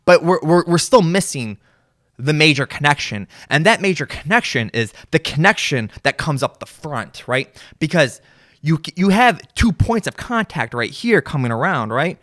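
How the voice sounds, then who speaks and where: A musician and content creator with a fairly high, slightly bright, sing-song voice rambles casually about music and his body while adjusting his guitar gear. He speaks at a moderate pace, repeats words and keeps adding "right?" to his points. The studio-quality recording has no room sound.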